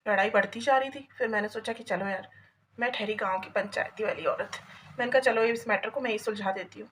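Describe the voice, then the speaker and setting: A woman from Rajasthan telling a comic monologue to a neighbour, gossipy and animated like a village storyteller. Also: mid-range voice, brisk, a little hiss or hum, poor audio. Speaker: comedy vlogger.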